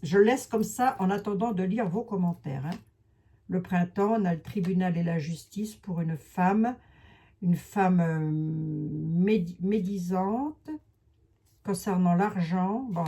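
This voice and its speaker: A woman's voice: on the low side, mellow, slightly rough. A woman with a Lorraine accent doing a rambling, chatty tarot and oracle card reading for her viewers, full of hesitations and asides. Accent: Lorraine French.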